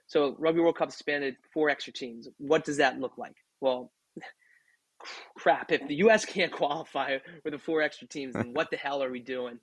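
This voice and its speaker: A man's voice: fairly high pitch, moderate pace, breathy edge, no room sound, poor audio. A man hosting a casual sports podcast, chatting and often asking "right?". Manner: chatty, rhetorical questions with "right?". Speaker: podcast host. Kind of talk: casual rugby talk.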